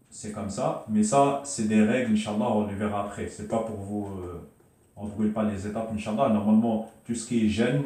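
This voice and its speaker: A man teaching a beginner's language lesson at a board, patiently repeating syllables and pausing often with hesitations. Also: lowish voice, mellow. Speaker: Arabic teacher. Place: room with a board. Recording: echoey room, voice from a distance.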